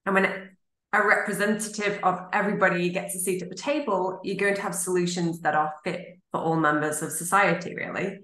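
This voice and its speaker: A woman's voice: fairly low pitch, steady tone, brisk, fairly bright tone. A woman hosting a podcast, talking in a reflective, encouraging way in a casual interview. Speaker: podcast host. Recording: roomy echo.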